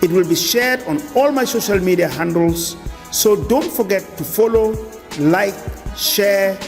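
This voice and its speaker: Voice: medium pitch, a little slow. An older speaker delivers a scripted promotional message meant to motivate. The voice sits in long reverb, with music in the recording.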